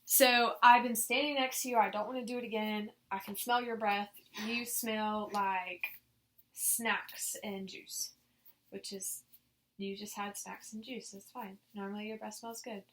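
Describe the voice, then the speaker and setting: A woman's voice: medium pitch, steady tone, unhurried, fairly bright tone, slight background noise. A woman demonstrating a clinical exam, informally explaining each step and giving instructions to her patient. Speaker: examiner demonstrating a nursing head assessment on a patient.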